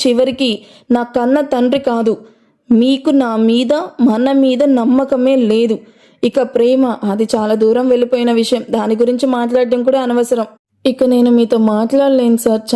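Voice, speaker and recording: A woman's voice: a little high, dark tone, natural voice. A woman voicing a hurt, defiant young mother. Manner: firm, reproachful.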